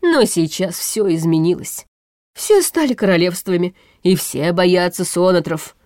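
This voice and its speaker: A woman's voice: on the low side, expressive, unhurried, darkish tone, no echo, clean studio sound. Prushan, a woman reading a weary, anxious old chancellor. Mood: gloomy. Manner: hesitant, gloomy.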